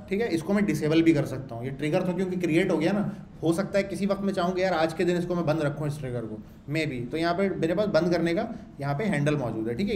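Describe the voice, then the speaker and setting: Chatty male coding tutor, a bit high-pitched, talks through each step in a roomy space. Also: a little mellow, a little hiss or hum. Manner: chatty, asks and answers own questions, repeats points. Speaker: programming instructor. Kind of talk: screen-share coding tutorial.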